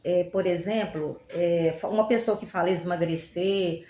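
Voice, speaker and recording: Animated teacher in an echoey room. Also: female voice, on the low side, moderate pace. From Goiás, Brazil. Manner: animated, teacherly, asks rhetorical questions, playful examples. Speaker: Portuguese teacher, guest. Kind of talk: casual explanatory chat.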